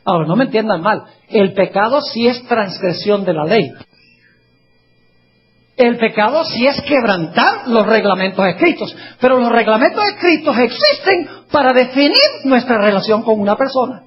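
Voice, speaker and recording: A man preaching a sermon, reading scripture slowly and putting questions to his listeners. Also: high-pitched, expressive, slight background noise. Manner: asks the audience questions, reads scripture slowly. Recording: dull lo-fi recording.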